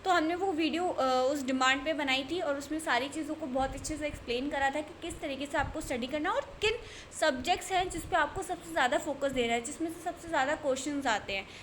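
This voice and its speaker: Woman, nursing exam tutor, high voice, earnest, repetitive, faint background hum. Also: quick pace, fairly bright tone. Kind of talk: exam-prep lesson talk.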